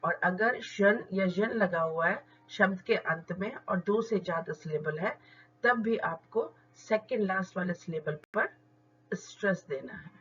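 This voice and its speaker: Woman teaching a lesson, spells out words slowly, kinda muffled sound. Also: mid-range voice, fairly bright tone, a little hiss or hum. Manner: slow deliberate word-by-word modelling of stress. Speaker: English teacher. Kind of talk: explanatory lesson.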